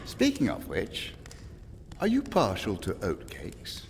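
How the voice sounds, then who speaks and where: An actor playing a smug old pagan island lord in an audio drama, pompous, taunting and silkily eloquent. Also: male voice, on the low side, huge pitch swings, takes it slowly, big-room sound, slight background noise, exaggerated voice. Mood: sly, urbane. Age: older.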